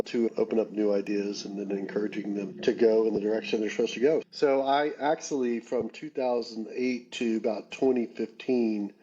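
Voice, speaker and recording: A man in his fifties, from Texas, a leadership coach telling his story as a podcast guest in a relaxed, friendly way. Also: lowish voice, dull audio. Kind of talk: podcast interview.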